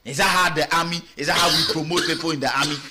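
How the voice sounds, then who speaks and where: Ghanaian male pundit, fairly high bright voice, radio talk show commentary, animated and questioning. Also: fast talker, slight background noise. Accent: Ghanaian English with Twi. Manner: animated, rhetorical questions, mixing English and Twi. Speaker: political commentator.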